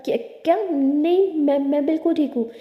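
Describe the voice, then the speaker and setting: A woman's voice: high-pitched, fairly even intonation, moderate pace, muffled recording, pitched above the performer's own voice, natural voice. A woman voicing a shy, nervous young woman who stammers and hesitates, in a storybook reading, recorded in a roomy space with a long reverb.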